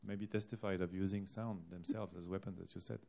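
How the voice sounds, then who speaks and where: Deep, dark-voiced man asking questions. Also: steady tone, brisk, creaky. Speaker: audience member.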